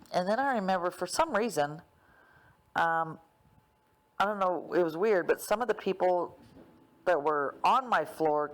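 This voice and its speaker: Woman, low-pitched, loose rambling dream retelling with lots of fillers. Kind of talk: casual spoken retelling of a dream.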